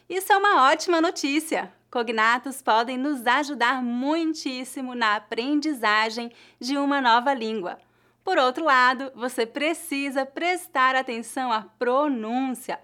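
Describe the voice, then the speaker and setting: A woman's voice: fairly high pitch, a bit bright. Brazilian woman teaching pronunciation. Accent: Brazilian Portuguese. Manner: clear, deliberate, slows down to model words. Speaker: language teacher. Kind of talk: scripted pronunciation lesson.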